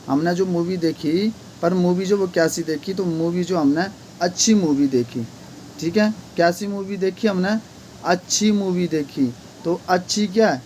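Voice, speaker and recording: A man's voice: high-pitched, darkish tone, slight background noise. A man teaching an English grammar lesson, repeatedly asking questions and answering them himself.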